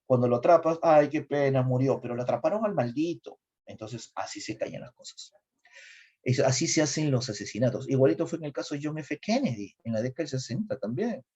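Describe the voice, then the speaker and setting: A middle-aged man with a Peruvian accent giving a lively history lecture, quizzing his students as he goes. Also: medium pitch, brisk, husky. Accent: Peruvian Spanish. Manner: asks students questions, animated. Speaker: history teacher. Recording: slightly dull lo-fi recording.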